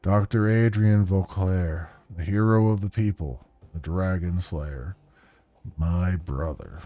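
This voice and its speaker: A man playing a weary, low-voiced drinker. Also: slow pace, mellow, muffled recording, faint music behind.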